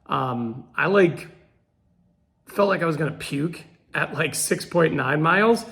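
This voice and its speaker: A man chatting to camera in a casual, conversational vlog style, relaxed and not exerting himself. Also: on the high side, a little slow, slightly rough, dry recording, clean studio sound. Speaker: running vlogger.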